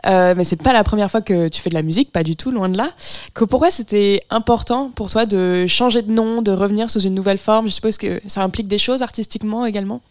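Animatrice de matinale, voix moyenne, studio mat et sec, ton amical. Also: female voice, medium pitch, quick pace, a little mellow, dry recording. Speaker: radio host. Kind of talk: radio interview questions.

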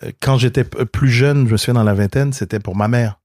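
A man's voice: medium pitch, fairly quick, darkish tone, dry recording, studio quality. A middle-aged man with a Québécois accent, a comedian guest telling stories in a casual interview, acting out quoted dialogue with many restarts. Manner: storytelling, acts out quoted dialogue; frequent restarts and repeated words.

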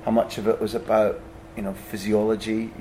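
A man's voice: fairly low pitch, level tone, a little fast, mellow, a little hiss or hum, low-quality recording. A man hosting a conversational interview, putting long, winding, reflective questions to his guest. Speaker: interviewer, podcast host.

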